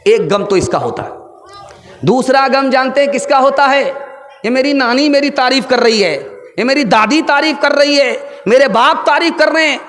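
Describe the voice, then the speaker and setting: A man preaching a sermon at a religious gathering, telling stories that build to shouted emphasis. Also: extremely high pitch, expressive. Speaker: Islamic preacher. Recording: long reverb of a big venue.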